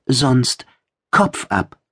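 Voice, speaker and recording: A man's voice: medium pitch, very animated, drawn-out words, a bit bright, no echo, clean studio sound, voice pushed up, full character voice. A male audiobook narrator voicing a fierce, teasing pregnant female alien warrior. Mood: threatening. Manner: mocking, threatening, playful. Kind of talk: audiobook character voice.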